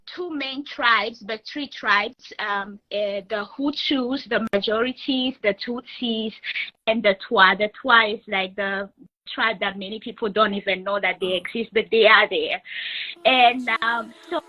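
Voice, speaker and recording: A Rwandan woman in her thirties is a guest telling her life story in an interview, speaking carefully and haltingly, with many repetitions and restarts as she explains. Her voice is mid-range with a sharp tone, and the recording quality is low.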